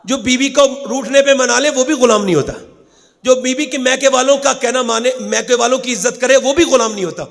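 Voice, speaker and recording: A man preaching an emotional sermon to a gathering, dropping to hushed storytelling and rising to high shouted climaxes, urging the crowd to respond. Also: vocal fry, big-room sound. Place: large gathering hall.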